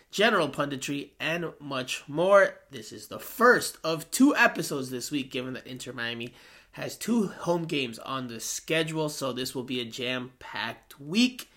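A man's voice: on the high side, pushed and bright. A man hosting a sports podcast in a chatty way, talking with a swollen cheek after having wisdom teeth out. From Peruvian American. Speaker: podcast host.

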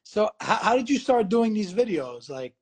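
A high-voiced man hosts a casual live stream and talks to his guest over a video call. The connection buffers, so his words stutter, freeze mid-phrase and break up. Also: big pitch swings, normal speed, crowd noise. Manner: loose, chummy greetings with scattered Italian phrases. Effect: choppy audio freezing and breaking up over a video call. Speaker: host of a live online talk show.

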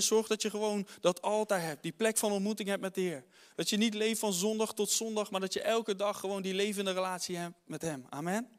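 A man preaching a fervent sermon to a congregation, often calling out "Amen" and addressing the Lord in prayer. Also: high-pitched. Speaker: guest preacher.

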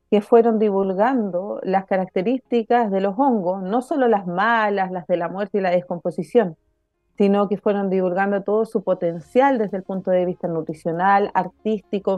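A woman, a guest explaining her field in a measured way during an interview. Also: medium pitch, mellow, no room sound, lo-fi sound. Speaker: guest, mycologist and author. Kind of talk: interview answer.

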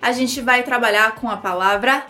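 High-voiced Brazilian woman teaching English. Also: faint music behind. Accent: Brazilian Portuguese. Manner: lively, chatty, demonstrates words slowly for repetition. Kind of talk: pronunciation lesson video.

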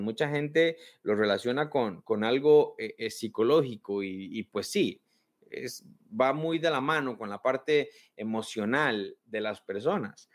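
A middle-aged man, preaching a conversational sermon and acting out worried inner voices with humor. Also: medium pitch.

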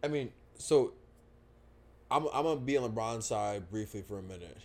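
A man's voice: lowish voice, expressive, moderate pace. A young man in casual sports talk, laid-back and hesitant, often repeating words. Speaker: podcast co-host.

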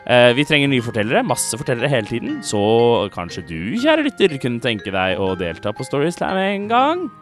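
A man's voice: medium pitch, wildly swooping pitch, hardly any pauses, faint music behind. A man hosting a storytelling podcast in a dry, teasing way. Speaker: podcast host. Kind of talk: casual podcast chat.

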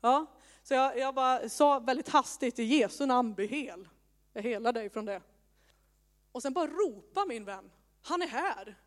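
A woman in her thirties preaching a sermon with personal testimony, in a conversational way with self-mocking asides. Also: a little high. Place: church hall with congregation. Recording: long hall reverb.

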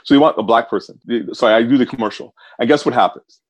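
Male podcast guest, passionate and animated, quotes others in lively voices, dry sound. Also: medium pitch, fast talker, slightly rough, dry recording. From Canada. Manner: animated, impassioned, acts out quoted people. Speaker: voice actor. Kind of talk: casual podcast discussion.

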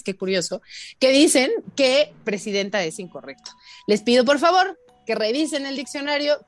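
A woman teaching spelling and grammar as a guest on a radio show, teasing and emphatic, laughing often. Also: high voice. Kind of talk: playful radio quiz lesson.

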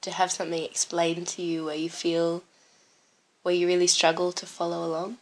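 A woman's voice: fairly low pitch, completely flat delivery, normal speed, rough recording. A woman interviewing casually, asking curious, probing questions. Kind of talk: casual conversation.

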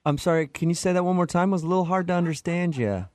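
In a dry, clean studio recording, a man with a high-sitting voice talks very fast. He's a radio host running a prank call, deadpan and feigning confusion as he suppresses laughter.

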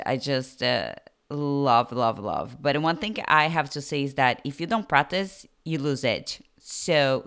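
A woman's voice: low voice, gravelly, fairly bright tone. A young adult woman with a Brazilian accent hosting a podcast, telling her life story in a hesitant way with many fillers. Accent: Brazilian Portuguese. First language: Portuguese. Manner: slow, hesitant, frequent fillers. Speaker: podcast host.

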